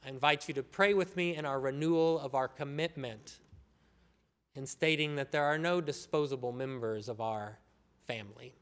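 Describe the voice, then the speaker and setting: A man preaching a sermon as pastor, earnest and measured with pauses. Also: mid-range voice, a bit bright, clean tone, big-room sound. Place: church sanctuary.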